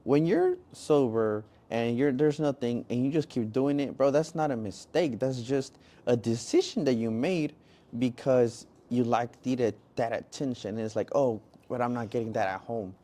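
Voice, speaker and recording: A man's voice: mid-range voice, moderate pace, warm tone. A man co-hosting a podcast in casual chat, rambling with lots of "bro" and "like". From Mexican-American family. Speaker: podcast co-host.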